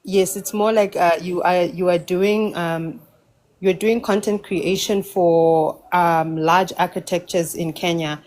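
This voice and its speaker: A woman's voice: fairly low pitch, steady tone, slow, darkish tone. A woman with a South African accent, a guest chatting casually, articulate but often restarting her phrases. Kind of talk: casual conversation.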